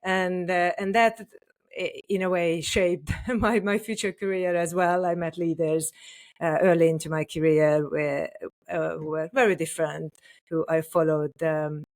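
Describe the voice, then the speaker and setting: A woman's voice: lowish voice, level tone, a little slow. Hesitant middle-aged woman from Hungary. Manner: hesitant, many fillers and restarts, laughs softly. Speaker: podcast guest, company CEO. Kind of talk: interview conversation.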